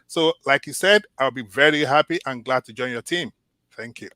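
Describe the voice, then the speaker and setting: A Nigerian man whose first language is Yoruba answers questions as a job candidate, earnest and measured with small restarts. His medium-pitched voice has a bright, forceful tone, and the recording has no echo.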